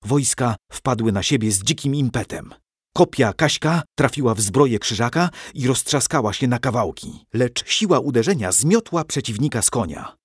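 A man narrates a battle story with a lively, rising-and-falling delivery. His voice is slightly husky, recorded dry and close with no room around it. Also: mid-range voice, moderate pace, no room sound. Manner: expressive, dramatic reading.

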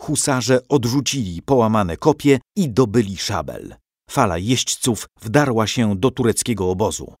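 A man reading a storybook aloud with dramatic, expressive narration. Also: on the low side, measured pace, no echo, clean studio sound.

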